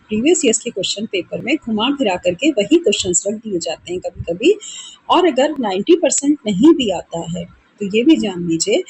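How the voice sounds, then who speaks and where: A woman teacher with an Indian English accent, reading exam questions slowly in English and then explaining them in Hindi. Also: a little high, a little mellow, breathy edge, low-quality recording.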